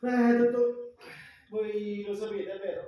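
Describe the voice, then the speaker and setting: A baffled, clueless patient from a stage farce, acted by a man, protesting in a Neapolitan accent. The voice is very high yet soft-toned, heard from a distance in a very echoey hall. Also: flat delivery, a little slow. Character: bewildered, tactless male patient dragged into a lie.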